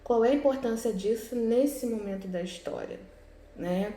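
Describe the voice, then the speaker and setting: Speaking at a fairly high pitch and a normal pace, a woman teacher with a Brazilian Portuguese accent walks her students through exercises step by step in a warm tone. In this recorded class lesson she corrects the exercises, explaining as she goes and checking in often with "né?" and "tá?". The room is echoey, with faint background noise.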